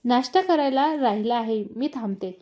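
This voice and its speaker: A woman reading the lines of a shy young woman in a romance story, in a soft and polite way. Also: on the high side, animated, normal speed, lightly acted.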